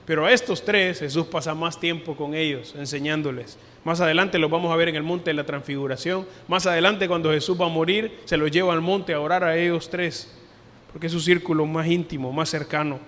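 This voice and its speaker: Man pastor preaching, kinda high voice, earnest, long echo in the hall. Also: fairly even intonation, brisk. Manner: earnest preaching, rising for emphasis and dropping soft for quoted words. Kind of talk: sermon.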